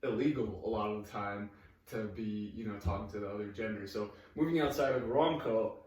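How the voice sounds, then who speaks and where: A young man with a fairly low voice talks loosely as a podcast guest, cursing and laughing easily. He sits a bit back from the mic. The room around him rings with echo. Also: brisk, distant mic. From Saudi Arabia. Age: 20s. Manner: relaxed, swears casually, laughs often. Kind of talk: casual chat.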